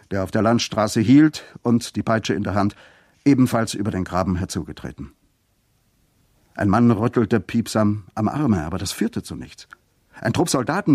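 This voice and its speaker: A man reading a literary story aloud in a steady, measured narrating voice. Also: fairly low pitch, dry recording, studio quality. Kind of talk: scripted narration.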